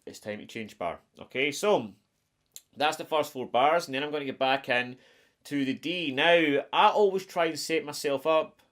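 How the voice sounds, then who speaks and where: Electric guitar sounds in the background as a middle-aged guitar teacher, broad Scottish accent and all, gives a relaxed lesson to camera indoors in his small attic home music room. He speaks at normal speed in a fairly high, fairly bright voice.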